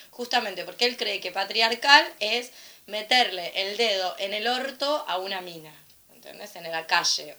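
A young adult woman from Argentina with a Rioplatense accent, talking casually on a panel, animated and irreverent, acting out the voices she quotes. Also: medium pitch. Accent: Rioplatense Spanish. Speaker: panel speaker. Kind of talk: casual storytelling commentary at a panel.

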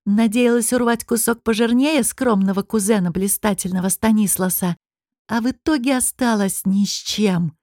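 A woman voicing a sneering, smug male high demon nobleman in an audiobook, with a mocking, taunting drawl. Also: moderate pace, a little mellow, dry recording, clean studio sound, lightly acted. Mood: gloating. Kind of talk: audiobook character reading.

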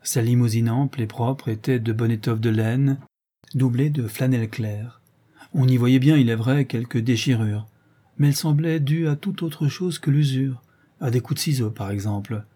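A man narrating a classic short story in a measured, expressive reading. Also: medium pitch, slightly rough. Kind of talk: audiobook storytelling.

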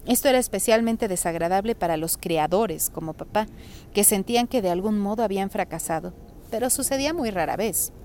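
Woman, reading a novel aloud, calm, steady narration, middle pitch, faint traffic in the background. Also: fairly quick. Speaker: reader.

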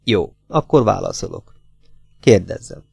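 A man's voice: low-pitched, animated, creaky, darkish tone, breathy edge, dry recording, clean studio sound, soft background music, heavily acted. A man reading an audiobook voices a proud, defensive woman who answers with defiant agitation. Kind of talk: audiobook character voice.

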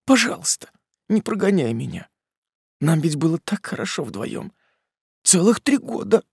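A man's voice: high-pitched, lively intonation, normal speed, slightly rough, dry recording, studio quality, voice pushed up. A man voicing a young woman who pleads with her fiancé, her voice trembling and breaking as she sobs. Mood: pleading, tearful. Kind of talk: audiobook dialogue.

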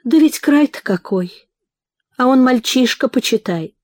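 A woman's voice: high-pitched, expressive, a little slow, no echo, clean studio sound, pitched above the performer's own voice. A woman reading as a meek anxious mother. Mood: worried. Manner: gentle, pleading, hushed.

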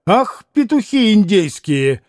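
A man voicing a hot-headed young man who shouts out wild bets in a card game. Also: high-pitched, slow, dry recording, clean studio sound, pitched above the performer's own voice, full character voice. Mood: agitated. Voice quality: loud, excitable, shouting.

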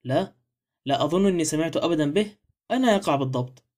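A man's voice: a little high, expressive, quick pace, darkish tone, close to an everyday voice. Polite middle-aged major, read by a man. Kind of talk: audiobook character reading.

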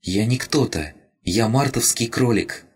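A man's voice: mid-range voice, measured pace, husky, voice pushed up. A man voicing a tiny, frightened male creature that lives in a crystal, talking in broken, childlike short phrases. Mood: earnest.

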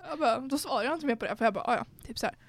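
A young woman hosting a podcast, chatting casually and telling a story while acting out what people said. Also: on the high side. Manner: storytelling, acts out quoted dialogue. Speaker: podcast host. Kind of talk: casual chat.

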